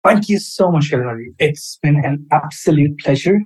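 A man's voice: a little high, lively intonation, moderate pace, darkish tone, husky, rough recording. A young adult man from Pakistan, a podcast guest answering interview questions in an earnest, expansive storytelling way.

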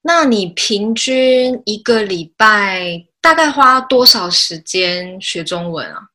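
Bright-voiced woman with a Taiwanese Mandarin accent. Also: mid-range voice, animated, slow. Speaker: podcast host, Mandarin teacher. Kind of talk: casual interview.

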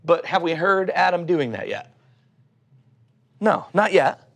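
Man, Oklahoma accent, slightly high-pitched, conversational sermon, teacherly, rhetorical questions. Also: lively intonation, slow pace, vocal fry, a bit bright. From Oklahoma, United States. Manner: teacherly, asks rhetorical questions and answers them. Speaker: preacher. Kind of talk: conversational sermon with scripture reading.

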